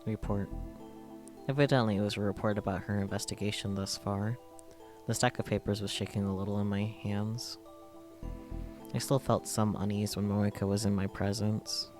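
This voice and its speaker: A man's voice: on the low side, flat delivery, normal speed. A man reading a visual novel script aloud as narration, with his own asides, over game music. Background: game music and Japanese voice acting.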